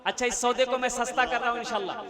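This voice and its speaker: A man's voice: very high voice, fairly even intonation, very fast. A male preacher giving a fundraising sermon at a religious gathering, repeating his appeals in a rhythmic way and leading slogans. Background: crowd responses.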